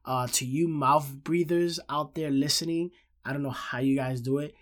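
A man's voice: a little high, steady tone, normal speed. A man in his thirties with a nasal, stuffed-up voice, a little short of breath, hosting a casual pop-culture podcast and leaning on repetition for emphasis. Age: 30s. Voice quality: nasal, congested. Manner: emphatic repetition, addresses listeners as guys. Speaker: podcast host.

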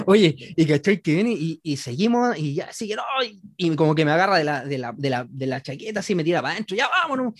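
Man, Chilean accent, casual comic storytelling, high voice, very lively pitch. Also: normal speed, dry recording. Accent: Chilean Spanish. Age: adult, married. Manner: animated, slangy, acts out quotes and laughs often. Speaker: storyteller in a group chat.

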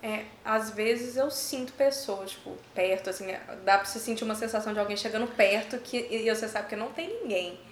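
A woman in a casual chat, expressive and quick to react. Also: mid-range voice, slight background noise. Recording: roomy echo.

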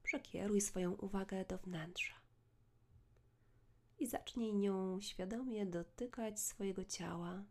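A woman leads a guided meditation in a soft, hushed, soothing voice close to the ear, measured, with long pauses. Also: medium pitch, slight background noise. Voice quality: soft, breathy.

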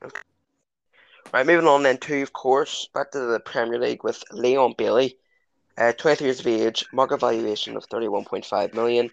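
A man's voice: mid-range voice, fairly even intonation, moderate pace, gravelly, highs cut off. A man hosting a football podcast in a casual, chatty way. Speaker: podcast host. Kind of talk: casual chat, moderating a football discussion.

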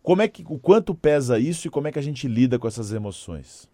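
A man's voice: mid-range voice, expressive, fast talker, dark tone, dry recording. A male host interviewing an author, asking several probing questions in a row. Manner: probing, asks stacked questions.

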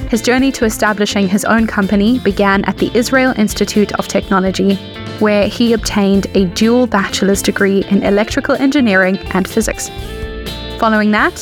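A woman hosting a podcast, reading a scripted introduction and then opening an interview. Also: mid-range voice. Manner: polished, reads from script. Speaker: podcast host.

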